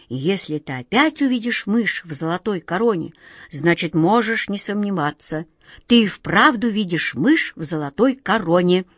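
A woman reading a storybook and voicing a kindly, sly auntie who talks slowly and coaxingly. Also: lowish voice, husky, dry recording, studio quality. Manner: slow, drawn-out, fond coaxing tone.

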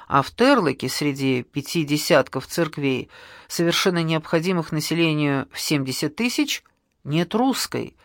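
Calm measured audiobook narrator. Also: medium pitch, no room sound, clean studio sound. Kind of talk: scripted narration.

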